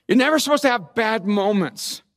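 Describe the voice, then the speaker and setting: A male pastor preaching a sermon, reading scripture with lively, sarcastic asides. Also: high voice, normal speed.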